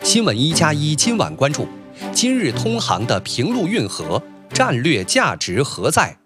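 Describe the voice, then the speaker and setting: A man's voice: fairly high pitch, huge pitch swings, measured pace. A man reading formal scripted news narration in declarative phrases. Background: clear music bed.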